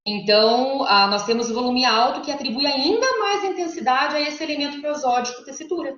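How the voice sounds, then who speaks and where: Woman teaching a lecture on a video call, kinda high voice, keeps asking "right?", roomy muffled sound. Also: brisk, fairly bright tone. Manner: explanatory, checks in with "né?" and "certo?". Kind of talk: academic lecture. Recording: echoey, muffled online call audio.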